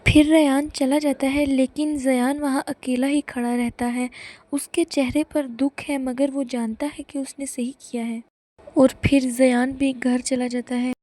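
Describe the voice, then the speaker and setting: A woman narrating a moral story for children in a calm storybook manner. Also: high-pitched. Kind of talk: scripted narration of a moral tale.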